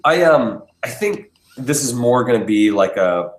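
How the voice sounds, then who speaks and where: A man hosting a podcast in an almost empty basement, chatting in a relaxed, rambling way and chuckling often, his voice echoing off the bare room. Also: mid-range voice, a little slow, slight background noise. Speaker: podcast host. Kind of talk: casual chat.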